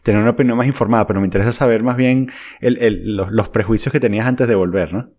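A man's voice: lowish voice, quick pace, a little mellow. A man interviewing a guest in a casual chat, asking reflective questions with hesitant restarts. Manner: reflective, hesitant, many backchannels.

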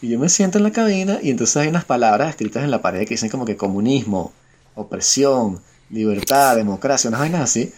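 Fast-talking Venezuelan man telling a story. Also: mid-range voice, slight background noise. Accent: Venezuelan Spanish. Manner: animated storyteller, acts out quoted voices, swears freely. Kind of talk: casual anecdote among friends.

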